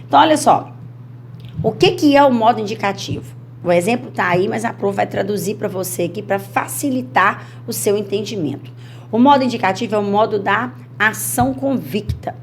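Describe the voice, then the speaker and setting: A woman with a Brazilian Portuguese accent teaching an exam-prep grammar lesson, chatty and animated, acting out students' worries. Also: fairly high pitch, slight background noise.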